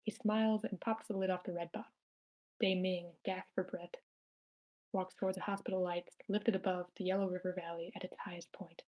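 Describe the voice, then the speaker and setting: At an amateur table read, a woman reads the screenplay's action lines plainly, stumbling now and then. Her voice is lowish and level, her pace brisk, and the recording's highs are cut off.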